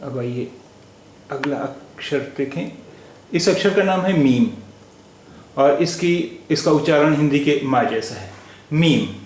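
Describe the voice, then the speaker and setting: A man teaching a language lesson, spelling out letters and repeating each word slowly and deliberately. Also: on the high side, expressive, a little mellow. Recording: echoey room with faint noise.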